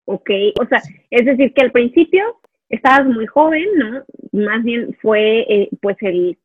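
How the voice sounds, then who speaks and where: A woman's voice: a little high, a little slow, breathy edge, no echo. A woman hosting an interview, reflecting aloud and often tagging her thoughts with a questioning "no". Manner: reflective, thinks aloud, tags phrases with "¿no?". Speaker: podcast host. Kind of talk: casual interview conversation. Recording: tinny phone-line sound, dry.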